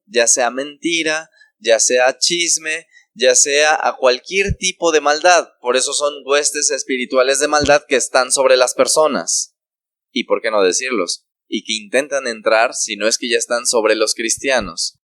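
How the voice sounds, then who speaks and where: A man with a slightly high, fairly bright voice preaches a sermon with no echo. He asks the congregation rhetorical questions and briefly acts out the dialogue of the people in his parable.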